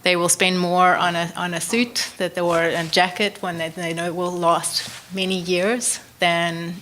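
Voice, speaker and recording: A woman's voice: on the low side, level tone, a bit bright, a little hiss or hum. A woman panelist answering an audience question bluntly and emphatically in a lecture room. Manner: blunt, emphatic, quick to push back.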